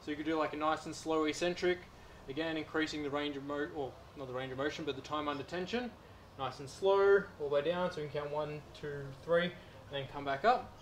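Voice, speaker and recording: A man's voice: a little high, a little fast, slight background noise. A young man, a personal trainer, demonstrating home exercises in a garden while talking to a far camera. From Australia. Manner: relaxed, coaching while doing reps.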